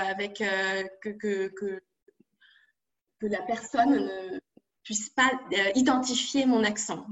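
A young woman from France, a guest in a casual interview, talking hesitantly with many fillers and restarts. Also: mid-range voice.

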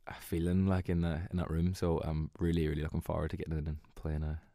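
A man's voice: extremely low pitch, little pitch movement, fast talker, gravelly, warm tone, no echo, studio quality. A man with a Donegal Irish accent, chatting casually as a musician in an interview, in a modest, hesitant, easygoing way. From Donegal, Ireland.

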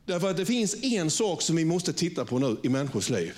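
A pastor delivers a conversational sermon to his congregation in church, often checking that they agree and restarting his sentences with repeated words. His voice is a little high and darkish in tone, and very animated.

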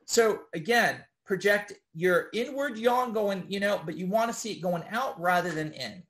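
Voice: medium pitch, lively intonation, moderate pace, a bit bright. An instructor talking in a loose, rambling way, checking in with the listener by asking okay after almost every point and swearing now and then. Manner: rambling, with frequent tag questions of okay; loose and informal, with occasional swearing. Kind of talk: casual instructional monologue.

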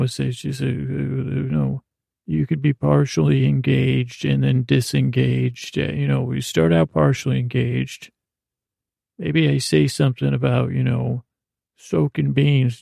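In a studio-quality, dry recording, a podcast host with a warm, mid-range, creaky and gravelly voice delivers a rambling monologue to lull listeners to sleep. He meanders and stammers, letting thoughts trail off before drifting to new subjects.

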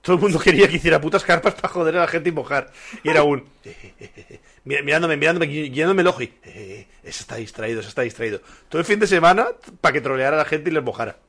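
Co-hosting a casual beer-tasting podcast, a man tells jokey stories and swears freely. His voice sits on the high side, gravelly and a bit bright, and he talks fast.

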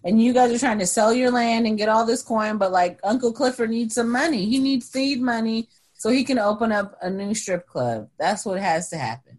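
A woman's voice: fairly high pitch, moderate pace, few pauses, a little mellow. A woman in her thirties co-hosting a podcast, joking about a TV show in sassy, profane banter. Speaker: podcast co-host. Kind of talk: casual chat recapping a TV show.

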